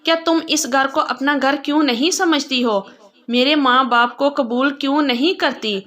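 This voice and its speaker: A young husband in a told story, plain and direct, speaking to his new wife, as a woman narrator reads him. The voice stays high and bright, close to the teller's own. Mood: stern.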